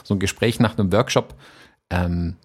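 A man's voice: sits low, moderate pace. A man co-hosting a podcast, talking casually and thoughtfully about photography workshops, with many fillers and restarts.

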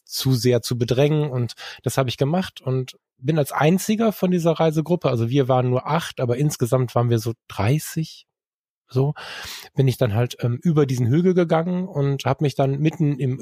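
A guest photographer on a podcast rambles casually about his travels with a camera, full of fillers and self-corrections. His mid-range voice has a dark tone. The recording is dry and studio quality.

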